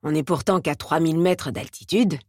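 A woman voicing a rough-voiced, stoned young man in an audiobook, with slangy, coarse, grumbling talk. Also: deep voice, normal speed, a little mellow, no room sound, studio quality. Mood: mocking. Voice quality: hoarse, gravelly. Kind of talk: audiobook character voice.

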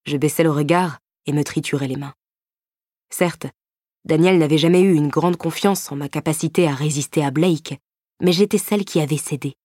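A woman narrating a first-person novel in a measured, expressive reading. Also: deep voice, dry recording, studio quality. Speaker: audiobook narrator.

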